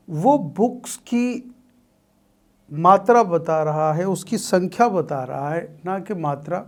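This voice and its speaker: A man teaches a grammar lesson at an unhurried, drawn-out pace. He lays out each term slowly, then turns it into a question for the class and answers it himself. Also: high voice. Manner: slow, deliberate, repeats key terms as questions. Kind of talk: exam-prep grammar lesson.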